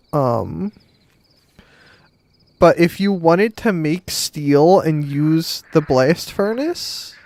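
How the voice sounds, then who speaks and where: Tired guy streaming games, slow rambly casual chat, kinda self-deprecating, close dry headset sound. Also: fairly high pitch, no echo. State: tired, slightly under the weather. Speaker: game streamer.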